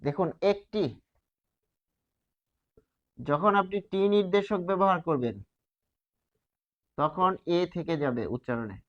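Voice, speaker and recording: Teaching grammar at a whiteboard, a man works through each rule step by step, asking his students questions and then supplying the answers himself. His slightly high voice is expressive and slow, with frequent pauses, and the audio sounds slightly muffled.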